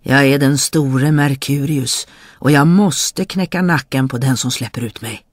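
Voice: no echo, clean studio sound, close to an everyday voice. A narrator voicing a huge, boastful spirit trapped in a bottle, in a storybook reading, crying out and threatening. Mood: menacing. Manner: shrill pleading cries, then booming threats.

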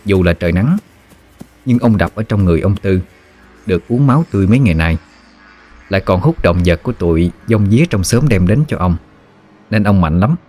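A man with a Southern Vietnamese accent narrating a scripted horror story in a steady, measured way. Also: low voice, soft background music.

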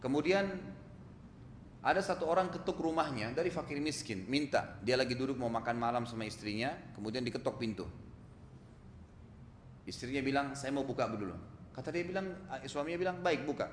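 A male preacher delivering a sermon in a lively, storytelling way, with frequent rhetorical questions. His mid-range voice rings in a large hall with long reverb and faint noise in the background. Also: mid-range voice, brisk, pauses often.

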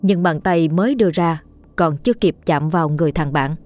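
A woman narrating a ghost story in a measured, suspenseful read. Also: deep voice, a little mellow, faint music behind.

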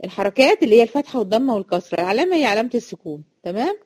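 A woman's voice: on the high side, sing-song, a little mellow, no room sound. A woman with an Egyptian accent teaching a Quran recitation lesson to female students, chatty, repeating each rule and checking if they follow. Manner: chatty, explains by repeating rules and asking quick check questions.

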